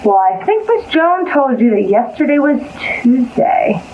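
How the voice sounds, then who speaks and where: A woman speaks in a kindergarten teacher voice, fairly high and unhurried. She leads young children through circle time with simple questions and plenty of repetition. The sound is dull, with noise behind her. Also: very animated. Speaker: preschool teacher. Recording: muffled lo-fi with clear background noise.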